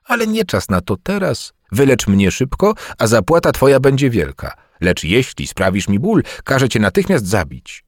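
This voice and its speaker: A man's voice: mid-range voice, huge pitch swings, normal speed, hardly any pauses, no room sound, studio quality, voice pushed up. A man reading aloud, voicing a proud young king with a haughty, imperious manner. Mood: threatening. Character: proud young male king in pain, arrogant.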